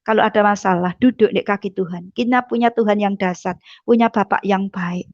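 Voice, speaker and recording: A woman's voice: medium pitch, steady tone, a little fast, dry recording, dull audio. A woman giving a fervent testimony sermon, often dropping her voice on a repeated address to the congregation. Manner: fervent, drops voice on repeated "saudara".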